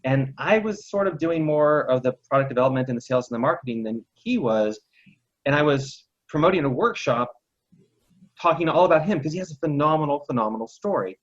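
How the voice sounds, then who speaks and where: A Texas entrepreneur and coach guests on a podcast, telling his story reflectively in a casual interview. His fairly high voice is animated and brisk, he often restarts and corrects himself, and the recording has a slightly dull lo-fi quality.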